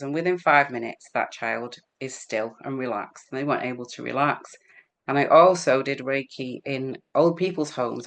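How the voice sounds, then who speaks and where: A woman with an English accent, a healer guest in an interview, chatting and telling stories quickly, laughing as she goes. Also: extremely low pitch. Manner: quick-talking. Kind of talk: casual interview storytelling.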